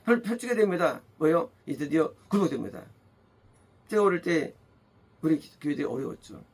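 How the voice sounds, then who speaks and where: A man's voice: on the high side, big pitch swings, normal speed, a little mellow. A man preaching a sermon as pastor, pressing his points by repeating phrases and asking rhetorical questions. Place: church.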